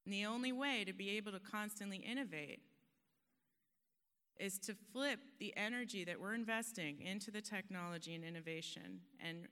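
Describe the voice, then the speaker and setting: A woman speaks from a conference stage with earnest emphasis, motivating the crowd and sometimes laughing at her own expense. Her voice is medium in pitch, sharp and clean, and the hall adds a long reverb.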